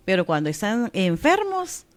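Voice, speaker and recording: A woman's voice: medium pitch, wildly swooping pitch, moderate pace. A woman co-hosting a radio Bible program with a Latin American Spanish accent, affirming the host and chiming in with short answers.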